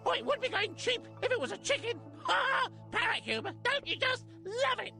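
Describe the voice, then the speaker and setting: A woman voicing a cheeky, squawking video game parrot, loud and exclamatory with a screechy delivery. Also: extremely high pitch, big pitch swings, brisk, faint music behind, exaggerated voice. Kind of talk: video game character acting.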